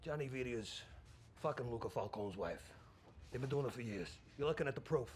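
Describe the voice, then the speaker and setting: Streetwise, scheming New gangster. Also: male voice, medium pitch, expressive, a little fast, breathy edge. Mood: urgent, persuasive. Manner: streetwise, colloquial, persuasive. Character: scheming, ambitious middle-aged male gangster, streetwise and sentimental. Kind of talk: screen crime drama acting. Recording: faint background ambience.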